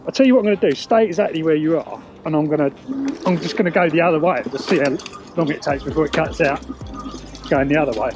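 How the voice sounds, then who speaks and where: Testing a wireless intercom headset outdoors on a riverside path, a British vlogger chats casually without a script, music playing in the background. His voice is fairly high and he talks fast, with background noise on the recording.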